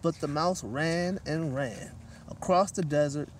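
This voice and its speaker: A middle-aged man, a guest story reader, reads a children's picture book aloud at a park table outdoors. His voice is fairly high-pitched and a little slow. The microphone is distant, and there's light outdoor noise.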